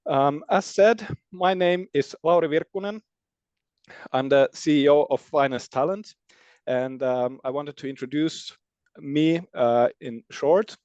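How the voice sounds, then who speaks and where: A man's voice: on the high side, measured pace, a little mellow, clear, resonant tone, no room sound, dull audio. A man born in Finland and raised in Germany, a recruitment company CEO hosting a presentation, talking hesitantly with many fillers and restarts. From born in Finland, grew up in Germany. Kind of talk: presentation talk.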